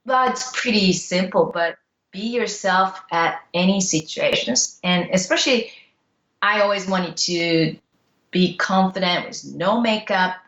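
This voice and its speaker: In a casual interview, a middle-aged woman from Japan answers earnestly and reflectively in simple English, with a Japanese accent. Her voice is mid-range, unhurried and fairly bright, captured lo-fi in an echoey room.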